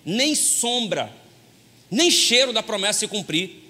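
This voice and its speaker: A man preaching a lively, joking sermon as pastor, folksy and constantly addressing his listeners as brother. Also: high-pitched, slow. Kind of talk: lively sermon with humorous stories. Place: church hall. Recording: long hall reverb.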